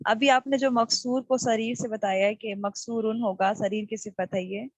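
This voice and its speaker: A woman's voice: a little high, steady tone, no room sound. A woman student on an online class pressing her teacher with follow-up questions about grammar. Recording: muffled call audio.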